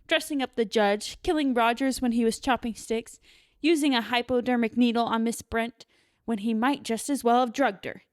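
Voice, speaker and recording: A woman's voice: a little high, fairly even intonation, normal speed, no room sound, studio quality, natural voice. A woman reading the part of a poised young woman, a schoolteacher type, in a plain reading. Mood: earnest.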